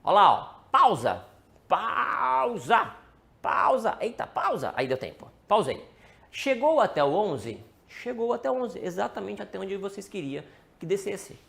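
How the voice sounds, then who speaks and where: A man with a high, gravelly, sing-song voice and a Brazilian Portuguese accent teaches day trading on a live stream at a normal pace. He asks questions and answers them himself, calling out to his viewers along the way.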